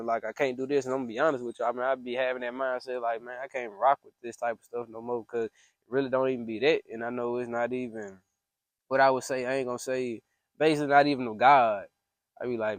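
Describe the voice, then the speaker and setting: A man's voice: mid-range voice, no room sound. Earnest man on a voice memo. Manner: earnest, preachy, confiding. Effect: voice memo recording. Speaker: speaker venting about faith. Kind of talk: casual spoken reflection. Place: private room, voice memo. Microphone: phone voice memo. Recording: dry close voice memo.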